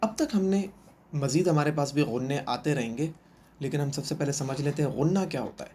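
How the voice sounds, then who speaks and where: A man's voice: a little high, a little mellow, slight background noise. A man teaching Quran reading in a recorded online lesson, patiently asking questions and answering them himself, and repeating each sound three times.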